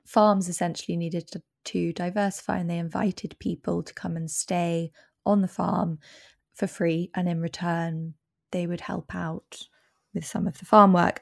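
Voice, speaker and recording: A woman's voice: on the low side, vocal fry, darkish tone, no room sound, clean studio sound. A woman from Devon, a travel journalist, chatting casually on a podcast with enthusiastic, wry asides. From Devon, England.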